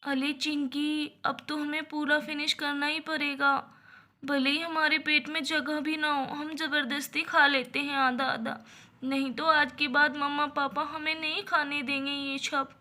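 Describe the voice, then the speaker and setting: A woman's voice: high-pitched, level tone, a little slow, pushed and bright. A woman voicing a little girl who whines and pleads with her parents in a doll story. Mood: cheerful. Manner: pleading, weepy. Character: little girl, whiny sister with stomachache.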